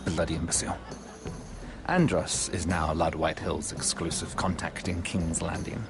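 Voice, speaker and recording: A man's voice: low-pitched, level tone, normal speed, vocal fry. An actor voicing an affable merchant lord in a video game, wry and conversational as he grumbles about business. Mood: wry, bitter. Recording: music behind the voice.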